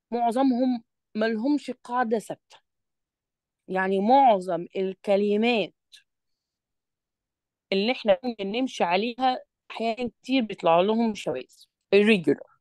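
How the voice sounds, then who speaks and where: A woman's voice: fairly high pitch, a little mellow, dry recording. A woman with an Egyptian Arabic accent tutoring a student in English, explaining patiently and checking often that she is understood. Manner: reads English sentences slowly and deliberately. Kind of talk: one-on-one revision lesson.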